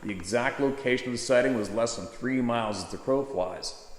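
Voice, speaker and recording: A man's voice: medium pitch, a little fast, slight background noise. A man hosting an informal storytelling show, reading a listener's account aloud and commenting on it. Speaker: host of a Bigfoot sightings show. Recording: echoey room with long reverb.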